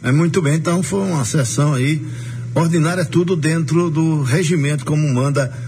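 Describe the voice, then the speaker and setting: A man's voice: fairly high pitch, normal speed, darkish tone, a little hiss or hum. A man hosting a local radio news show and conversationally interviewing a guest. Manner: conversational, leading a phone interview. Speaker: radio host.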